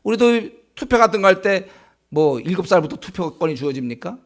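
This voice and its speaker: A male pastor preaching in a conversational way, asking the congregation rhetorical questions and acting out remarks in a slower, lower voice. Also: expressive. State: sore throat. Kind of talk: sermon. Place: church sanctuary.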